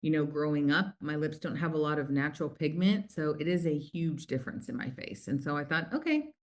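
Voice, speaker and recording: Deep-voiced and animated, she talks a little fast. This middle-aged woman from the United States, founder of a lip color company, is the guest in a casual interview, telling warm, chatty stories sprinkled with fillers.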